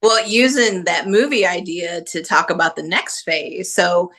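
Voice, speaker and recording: A woman hosting an interview podcast, setting up each question with measured background before asking. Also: lowish voice, a bit bright. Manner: measured, leading questions with context.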